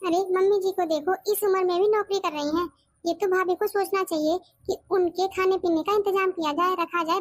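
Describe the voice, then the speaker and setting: A woman voicing a gentle, peacemaking younger daughter-in-law in a cartoon, soft-spoken and thoughtful. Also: very high-pitched, no echo, clean studio sound. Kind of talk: cartoon voice acting.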